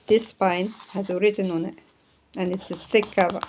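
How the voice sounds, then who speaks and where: Holding up her books, a self-published author covers publishing and copyright in an easygoing, meandering way, leaning on "so therefore" and correcting herself mid-word. She's a woman in her fifties from an Arabic-speaking country, Arabic being her first language. Her pitch is mid-range for a woman, her intonation fairly even, her pace normal and her tone darkish, with a little hiss or hum in the audio.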